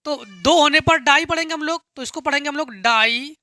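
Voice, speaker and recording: A woman's voice: high voice, a little fast, bright, forceful tone, dry recording, clean studio sound. A woman teaching a chemistry lesson step by step, patiently asking and answering her own questions and repeating key terms. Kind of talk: classroom lesson explaining step by step.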